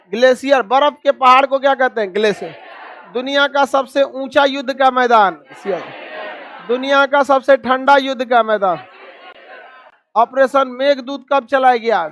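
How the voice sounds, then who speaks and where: A man's voice: very high voice, fairly bright tone. A man teaching a geography lesson, firing questions at students and scolding them bluntly. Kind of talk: classroom map lesson. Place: classroom.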